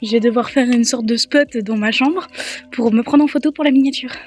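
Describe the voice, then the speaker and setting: A woman's voice: fairly high pitch, a little fast, darkish tone, faint music behind. Chatty young woman vlogging on a phone. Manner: rambling, self-mocking and chatty. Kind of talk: casual vlog chat. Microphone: handheld phone.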